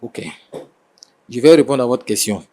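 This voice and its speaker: A young man, a husband, defending himself in a halting way that keeps circling back to the same points. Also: mid-range voice, a loud crowd. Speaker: husband being mediated. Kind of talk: defensive explanation on a mediation show.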